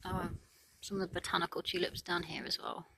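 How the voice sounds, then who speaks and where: A woman chatting casually as she walks around her garden, relaxed and full of ums. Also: fairly low pitch, a little fast, vocal fry, slight background noise. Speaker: gardening vlogger. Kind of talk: casual garden tour narration. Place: outdoors in a garden.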